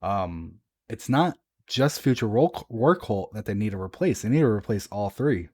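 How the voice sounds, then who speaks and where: Brief: young adult man, low-pitched, enthusiastic podcast co-host who swears and stumbles over restarts. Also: normal speed, husky. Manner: excitable, swears freely, restarts a lot. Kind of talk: casual chat.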